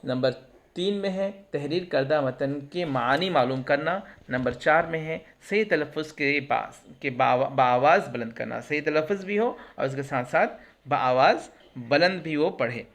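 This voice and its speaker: A man's voice: fairly high pitch, a bit bright. Man teaching an exam-prep lesson. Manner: explains terms with English glosses, asks and answers own questions.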